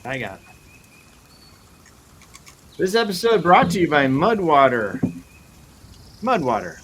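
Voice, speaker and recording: The host has a sing-song voice on the high side and takes a slow pace as he rambles playfully and theatrically through a casual, jokey live show. Nature ambience from a forest fills the noisy background.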